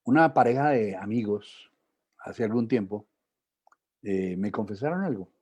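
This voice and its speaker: A man's voice: on the low side, animated, a little slow, darkish tone, breathy edge. A middle-aged man giving a public talk on emotions and spirituality, conversational, with many tag questions and fillers. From Colombia. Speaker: lecturer.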